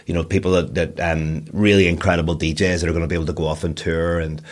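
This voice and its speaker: A man's voice: sits low, level tone, fast talker. A Northern Irish man in his forties, a broadcaster and DJ chatting in an interview, rambling and self-deprecating with frequent restarts. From Northern Ireland. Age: 40s. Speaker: guest, broadcaster and DJ. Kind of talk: casual interview chat.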